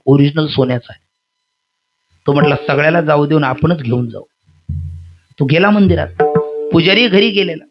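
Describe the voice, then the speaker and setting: A fairly high-voiced man gives a kirtan sermon, telling folk tales and acting out each character. His storytelling is lively, with chanted refrains. The sound is dull and lo-fi. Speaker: kirtan preacher.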